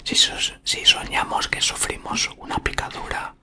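A man in his thirties reads from a book in a breathy ASMR whisper, murmuring haltingly very close to the microphone. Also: bright, forceful tone. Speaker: ASMR content creator. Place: small room indoors. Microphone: desktop condenser microphone, very close.

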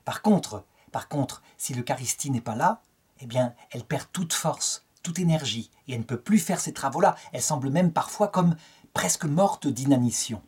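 A man's voice: medium pitch, animated, moderate pace, darkish tone, slightly rough. A middle-aged French man giving a spoken lecture on a saint's life, telling it as a story and lifting his tone to quote the people in it. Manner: storytelling, quotes dialogue with lifted tone.

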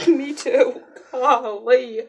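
A woman's voice: sits high, fairly even intonation, drawn-out words, slight background noise. A young woman chatting casually, giggly and whimpering, her mouth burning from spicy food. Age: young adult. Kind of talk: casual chat during an eating challenge. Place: small room, seated at a table. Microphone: camera on the table.

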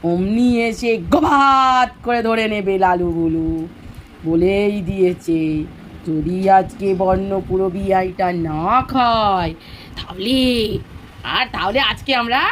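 Mother vlogger, high voice, patient and repetitive, home recording with faint noise. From Bengal. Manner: patient, repeating instructions gently. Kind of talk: home vlog narration and coaching a child. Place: home, indoors.

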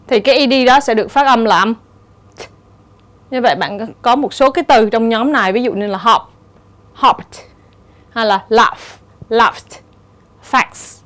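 A woman teacher with a Vietnamese accent, explaining exam answers step by step and reading English example words slowly. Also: on the high side. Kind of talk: exam-prep lecture.

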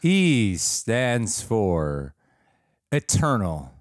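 Speaking in a somewhat low, very animated voice, a young man draws out his words while co-hosting a reaction show. The casual chat is full of crude, joking banter and laughter, and the studio recording is clean with no room sound.

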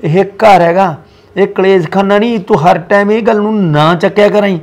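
A man's voice: high voice, normal speed, a little mellow. An actor playing an older village father-in-law with a Punjabi accent who lectures his family about honour. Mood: scolding. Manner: scolding, lecturing.

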